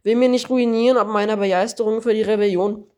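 A woman's voice: fairly high pitch, steady tone, quick pace, darkish tone, close to an everyday voice. A woman reading the lines of an impulsive female bar owner who stumbles and backtracks. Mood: eager.

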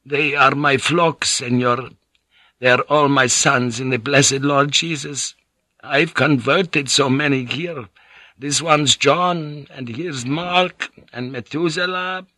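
A man's voice: medium pitch, slow, sharp tone, dry recording, voice pushed up. A man voicing an old, frail Spanish monk, feverish and suspicious, with a thick, sibilant peasant voice and a Spanish accent. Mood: gentle, weary. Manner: thick, sibilant peasant voice, pleading then bitter.

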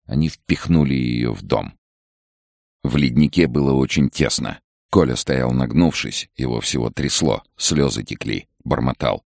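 A man narrating an audiobook in a measured, dramatic reading. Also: rumbling low, expressive, gravelly, darkish tone, no room sound, clean studio sound. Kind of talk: scripted narration.

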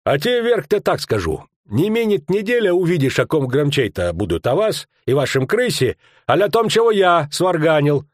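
Man putting on a swaggering bounty hunter, rough folksy talk, high strained shouting, dry close sound. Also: big pitch swings, normal speed, no room sound. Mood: blustering. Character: boastful, blustering male bounty hunter, rough folksy speech.

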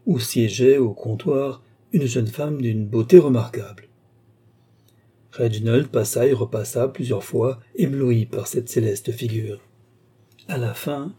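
A man reading a nineteenth-century short story aloud in a measured, expressive narration. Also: mid-range voice, husky. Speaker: audiobook narrator. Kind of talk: scripted literary narration.

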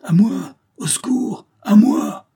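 A man's voice: mid-range voice, moderate pace, warm tone, slightly rough. A man putting on a hissing, vengeful adventuress. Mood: shrieking. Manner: hissing, venomous. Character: vengeful scheming woman adventuress.

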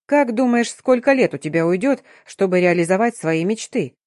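A woman's voice: mid-range voice, lively intonation, normal speed, a little mellow, no room sound, clean studio sound, close to an everyday voice. Woman reading a stern, mocking male curator. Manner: curt, commanding, mocking. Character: stern adult male curator, domineering and sly. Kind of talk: audiobook narration.

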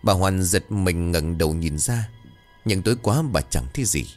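Male horror storyteller, deep, highly expressive delivery. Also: normal speed, faint music behind. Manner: dramatic, suspenseful. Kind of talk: scripted horror story narration.

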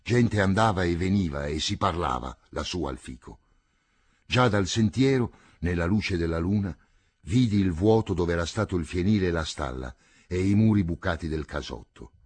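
A man reading a literary novel aloud in a measured, sober storytelling manner, recorded close to a studio mic. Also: low voice, lively intonation, slightly rough, no echo. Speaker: audiobook reader. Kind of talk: literary audiobook narration.

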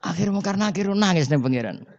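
A man preaching a sermon, telling a story with laughter and acting out the quoted lines in a louder, higher voice. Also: animated, a little fast, vocal fry. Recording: dull, dry, lo-fi.

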